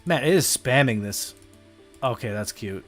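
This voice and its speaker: A man's voice: medium pitch, expressive, measured pace, soft background music. A man chatting casually on a livestream while he plays, rambling and hesitant, poking fun at himself. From United States. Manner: rambling, hesitant, self-deprecating. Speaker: streamer.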